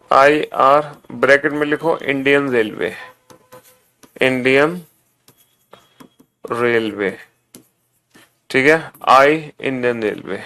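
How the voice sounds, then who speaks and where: A man teaching an online exam-prep lesson, drilling students slowly and repetitively, calling them beta. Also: mid-range voice, creaky, sharp tone, clear, resonant tone.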